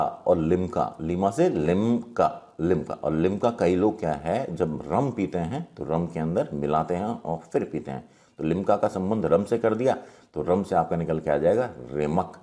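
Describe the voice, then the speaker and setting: Deep-voiced male teacher. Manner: lively, storytelling, acts out little quotes. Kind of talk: explaining memory tricks.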